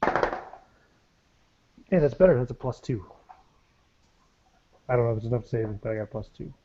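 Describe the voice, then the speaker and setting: A man's voice: medium pitch, measured pace, lo-fi sound, noisy background. A man playing a tabletop game, wry and joking. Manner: wry, joking, swears casually. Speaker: player. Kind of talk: casual tabletop game play.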